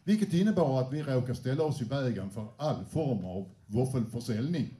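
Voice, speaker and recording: Mellow-voiced man announcing songs on stage. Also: medium pitch, expressive. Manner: chatty, anecdotal, slight hesitations. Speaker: band frontman introducing songs. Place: indoor venue with a live audience. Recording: roomy echo.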